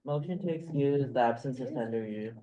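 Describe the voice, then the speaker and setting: A woman's voice: a bass voice, brisk, mellow, low-quality recording. A woman serving as a student senator, making curt, clipped procedural calls in a meeting. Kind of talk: formal meeting motions.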